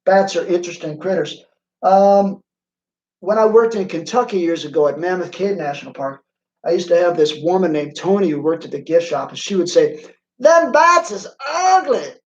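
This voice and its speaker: Male science teacher, chatty and quizzing, high voice, roomy dull online-class audio. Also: darkish tone. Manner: playful, chatty, quizzes students by name. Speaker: physics teacher.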